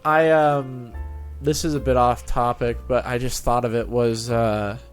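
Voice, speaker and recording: Over music, a man who hosts a show and reads fan fiction audio conducts a casual interview, rambling with enthusiasm. His medium-pitched voice is unhurried and flat in delivery.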